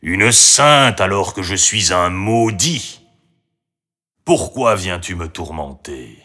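Sad, gentle storybook dragon, low and slow, begging forgiveness, read by a man. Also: lively intonation, full character voice. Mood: lonely, remorseful. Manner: sad, pleading. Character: lonely locked-up male dragon, remorseful and gentle.

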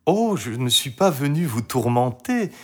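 Storybook princess girl, sweet and eager, high and lively, put on by a man. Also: a little slow. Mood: eager, bright. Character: young princess girl, cheerful and kind.

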